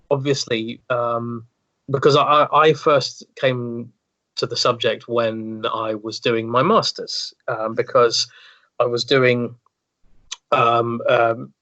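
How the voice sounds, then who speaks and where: A man's voice: mid-range voice, fairly bright tone. A man talking as a podcast guest, wordy and thoughtful, often repeating words as he thinks. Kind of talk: casual podcast chat. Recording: dull lo-fi sound.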